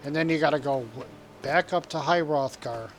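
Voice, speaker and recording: A man's voice: a little high, normal speed, creaky, faint music behind. A man from the United States streaming a game, chatting casually, chuckling and reading comments aloud. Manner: rambling, chuckling, reads chat aloud. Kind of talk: casual live-stream chat while gaming.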